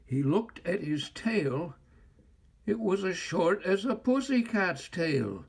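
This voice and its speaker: An older man with a husky voice narrates a children's story like a theatrical storyteller. He goes slowly and deliberately, his pitch rising and falling dramatically.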